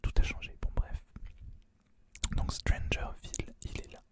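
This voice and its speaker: A host whispering right into the listener's ear in informal, rambling ASMR gaming commentary, with some hesitation. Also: a little slow.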